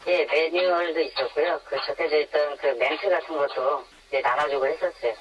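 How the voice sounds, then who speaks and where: Over a dull, narrow phone line on radio, a man in his twenties with an electronically disguised voice recounts being an anonymous interviewee on a phone call. His voice is fairly high, steady in tone, and a little fast.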